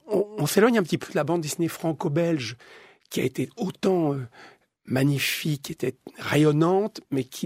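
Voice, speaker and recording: A man's voice: fairly high pitch, darkish tone, husky, no room sound, clean studio sound. A man from Belgium, a comics author answering interview questions, searching for words with many restarts and repeated words. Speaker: comics artist guest.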